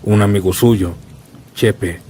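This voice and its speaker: Speaking slowly in a voice on the low side, this male storyteller reads scripted horror stories in the first person with solemn drama. The background is a rainstorm, its rain and thunder forming a steady noise bed.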